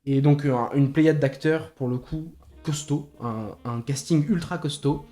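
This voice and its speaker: This co-host has a fairly high, mellow voice and a moderate pace as he chats casually about movies, stalling and repeating words to think. Music plays behind the slightly roomy podcast recording.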